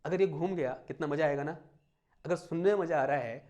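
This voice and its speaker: A young male physics teacher with a voice sitting a little high for a man. He walks students through a hands-on demonstration, firing questions at them and answering his own. When giving notes he slows right down, mixing English terms into his explanation. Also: a little mellow. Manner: asks the class questions and answers them himself; dictates headings slowly, mixing in English terms. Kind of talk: classroom lecture with live demonstration.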